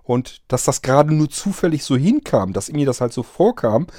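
A man's voice: medium pitch, very animated, moderate pace, warm tone, dry recording, clean studio sound. A man telling his listeners about a strange event, rambling and hesitant with many fillers and restarts. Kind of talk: casual spoken account.

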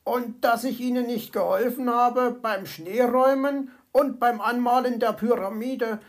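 A woman's voice: on the high side, steady tone, unhurried, voice pushed up. A woman voicing a greedy male fox with a stomach ache who talks in a sheepish, whiny way.

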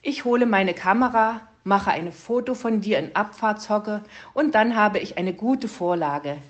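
A woman reading a storybook and voicing a fussy, scholarly male raven who croaks "Kra" at the end of his sentences. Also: medium pitch, lively intonation, a little slow, close to an everyday voice.

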